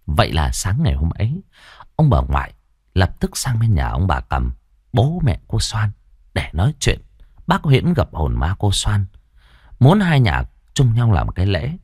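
A man's voice: lowish voice, darkish tone, husky, no echo, studio quality. A man narrating a ghost story in a dramatic storytelling manner. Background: faint music.

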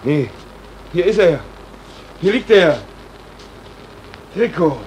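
An actor playing an uneasy, weary stoker in a radio drama, speaking in short, halting phrases. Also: male voice, sits high, animated, a little mellow, a little hiss or hum, low-quality recording.

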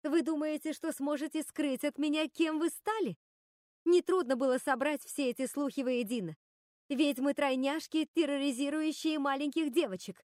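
A woman's voice: on the high side, normal speed, no echo, clean studio sound, natural voice. A woman voicing Gothel, a hurt and angry witch who accuses her sisters. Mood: furious. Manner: pleading, accusing, tearful.

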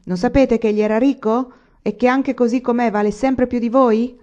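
Storybook role: a woman reading a rebellious peasant woman, loud, raised pitch, dull recording. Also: steady tone, moderate pace, lightly acted. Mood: indignant. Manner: indignant, rebellious. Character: defiant poor peasant woman.

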